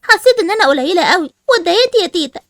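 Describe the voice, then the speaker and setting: A hurt, whiny young Egyptian girl with a very high voice, as a woman plays her. She talks very fast, and the recording is close and dry. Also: sing-song, fairly bright tone, dry recording, exaggerated voice. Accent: Egyptian Arabic.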